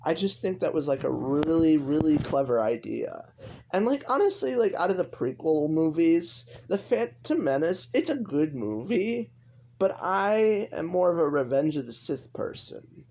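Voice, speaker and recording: Young guy rambling about games, kinda gravelly, voice bounces around a lot. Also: on the high side, sing-song, unhurried, darkish tone, highs cut off, slight background noise. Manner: rambling, lots of likes and restarts. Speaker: gaming YouTuber. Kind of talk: casual commentary over gameplay.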